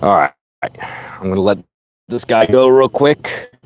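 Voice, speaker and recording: A man giving casual live vlog commentary in the manner of an excited wildlife host, out on a road at night. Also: fairly low pitch, unhurried. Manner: excited, admiring wildlife-host narration when showing an animal. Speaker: livestreamer hunting for wild snakes. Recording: noisy roadside with car sounds.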